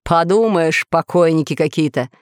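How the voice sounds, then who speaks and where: A scheming lord of monsters brags in a calm, low, unhurried voice, as a woman reading the story puts him on. He savors every menacing detail. There is no room sound at all. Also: clean tone, no echo, clean studio sound, lightly acted. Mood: smug, boastful. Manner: calm, boastful. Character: boastful scheming male villain, lord of computers.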